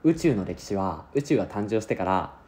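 A man's voice: lowish voice, very animated, normal speed, a little mellow. A man voicing a jovial, dreamy aging male farmer who talks boastfully and wistfully about his old dream.

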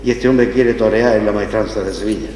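Standing at a lectern in an indoor hall, this older Andalusian-accented man gives a festival speech spiced with funny stories. His pitch is fairly low, his tone steady and somewhat dark, and he talks a little fast. Gooseneck podium mics pick him up amid the hall's long, echoing reverb.

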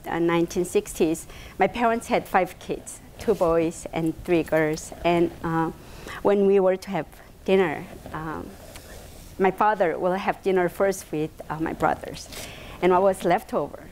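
With slight noise in the background, an invited speaker from South Korea, a woman in her fifties, shares a personal talk in a bright meeting room indoors. She speaks a little slowly in a low-ish voice with a Korean accent. She is hesitant, uses many fillers, and gestures animatedly with her hands.

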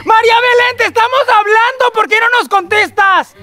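A woman acting in a comedy sketch, shouty and dramatic. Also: very high voice, moderate pace.

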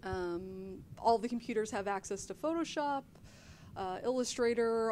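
A woman with a mellow, warm tone leads a chatty tour, dropping fillers as she goes. Faint noise hums under her voice. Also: mid-range voice. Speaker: print technician. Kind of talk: guided video tour.

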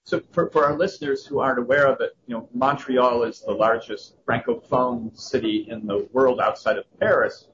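A man's voice: mid-range voice, steady tone, moderate pace, hardly any pauses, noisy background. A man interviews a café worker, asking curious questions and explaining context for listeners. Faint outdoor ambience sits behind him. The sound is slightly dull. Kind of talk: podcast interview.

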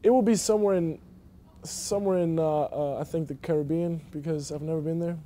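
Hesitant young man with a mellow voice. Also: a little high, brisk. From Germany. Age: young adult. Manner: hesitant, many fillers and restarts. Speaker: college basketball player. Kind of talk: casual interview answers. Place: empty indoor basketball arena.

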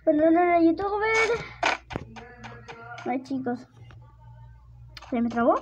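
A young girl giving casual gameplay commentary as she plays, excitable and prone to squealing with surprise. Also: very high-pitched, slow pace, soft background music. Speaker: gameplay video host. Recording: lo-fi recording with clear background noise.

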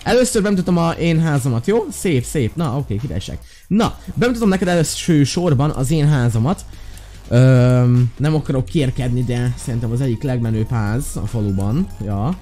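A man hosting a gaming channel, giving excitable commentary, talking to his viewers and squealing with delight. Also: medium pitch, soft background music. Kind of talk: let's play commentary.

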